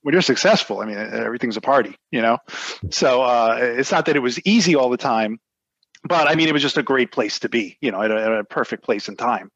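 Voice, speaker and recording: Talking quickly in a fairly bright, mid-range voice, a middle-aged man from the United States chats as an interview guest about his music law career, rambling with frequent "you know"s and fillers. The sound is dry, with the highs cut off.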